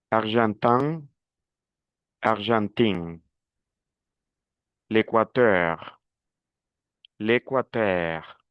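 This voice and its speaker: A man teaching a lesson, saying each word slowly and deliberately for the listener to repeat. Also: lowish voice, clear, resonant tone, no room sound, dull audio. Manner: slow, deliberate, word-by-word repetition. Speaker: French teacher. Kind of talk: pronunciation drill lesson.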